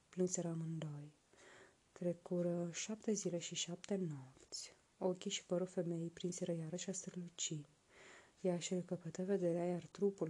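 Husky woman reading a folk tale softly. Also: on the low side. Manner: soft, slow, hushed narration. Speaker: storyteller.

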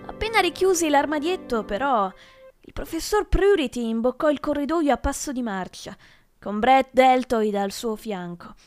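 A woman reading a children's book aloud in an expressive storytelling style for her podcast. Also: high-pitched, moderate pace, faint music behind. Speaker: podcast reader.

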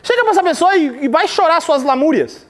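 High-voiced man giving a devotional talk. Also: expressive, brisk. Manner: emphatic, acts out quoted voices while telling stories. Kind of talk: devotional podcast teaching.

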